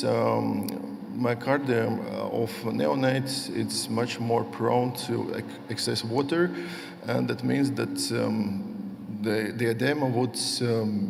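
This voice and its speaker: A middle-aged man from Latvia giving a conference lecture, speaking haltingly with many fillers and restarts. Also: medium pitch, vocal fry, a little mellow, a little hiss or hum. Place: large conference hall. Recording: long hall reverb.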